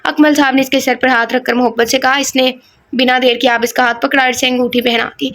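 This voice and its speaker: A woman narrating a romance audio novel with a high voice. She reads in an even, steady way.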